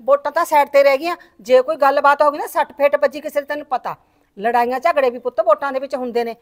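A woman's voice: fairly even intonation, natural voice. A middle-aged woman playing a nagging village mother and wife who scolds her husband and frets over her daughter's wedding. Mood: worried. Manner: scolding, rapid and shrill.

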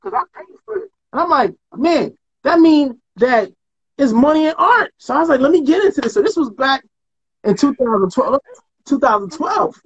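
His pitch is extremely high and swings widely as he talks at a normal speed, the sound lo-fi. Speaking from home via webcam in a painted-wall room, this middle-aged Trinidadian artist guest spins stories in a relaxed, slang-filled chat, laughing often.

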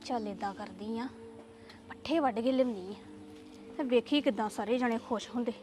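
Woman acting high-pitched, dramatic grumbling village woman. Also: normal speed, background noise, natural voice. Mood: chatty, determined. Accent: Punjabi. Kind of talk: amateur Punjabi family web drama.

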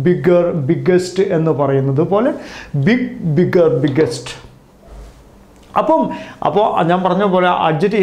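A man with a high voice teaches a grammar lesson and works through each word form slowly, saying it again and again. The room is echoey, so his voice rings around him as it would in a bare classroom. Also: a little mellow. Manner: patient, repeats and drills each word form. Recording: roomy echo.

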